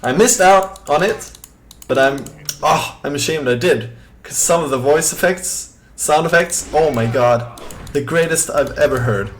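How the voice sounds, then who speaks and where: A man's voice: fairly high pitch, unhurried, slight background noise. A young man from Sweden with a Swedish accent, chatting casually on a game live stream, reading chat aloud with lots of fillers. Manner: rambling, reads chat aloud, many fillers.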